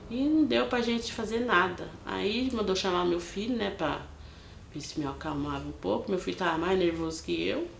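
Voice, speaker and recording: A woman's voice: mid-range voice, creaky, reverberant, slight background noise. An older woman with a São Paulo state Brazilian accent, telling a personal story in an interview. She acts out the voices she quotes and keeps adding short tag questions. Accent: Brazilian Portuguese, São Paulo state. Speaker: interviewee, widow. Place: her home, indoors.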